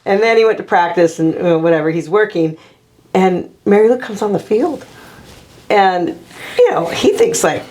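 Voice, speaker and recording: Animated woman telling a story. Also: medium pitch, moderate pace, a little hiss or hum. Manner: animated, laughing, acts out quotes. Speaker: guest, former player and coach. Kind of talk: casual storytelling interview.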